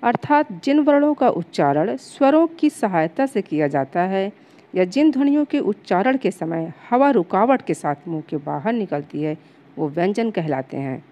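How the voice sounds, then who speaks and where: A woman lecturer teaching a grammar lesson to students. She reads English definitions slowly, as if dictating, then explains them patiently. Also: mid-range voice, expressive, dark tone, muffled recording. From India.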